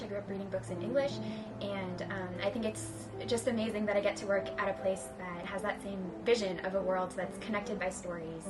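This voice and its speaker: A woman's voice: medium pitch, far from the mic, rough recording. A woman giving an earnest personal statement with some fillers.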